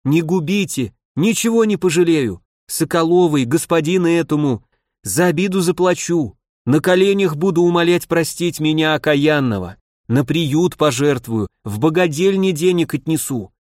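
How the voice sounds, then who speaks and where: A man's voice: on the high side, animated, normal speed, darkish tone, no echo, studio quality, pitched above the performer's own voice, close to an everyday voice. A man voicing a groveling, frightened merchant who pleads and fawns, in an audiobook reading. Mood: pleading. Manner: pleading, fawning.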